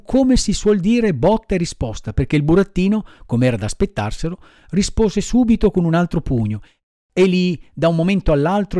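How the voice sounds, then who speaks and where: A man's voice: fairly high pitch, warm tone, no echo, clean studio sound. A man reading a children's classic aloud, telling the story expressively. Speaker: audiobook reader. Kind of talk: storybook narration.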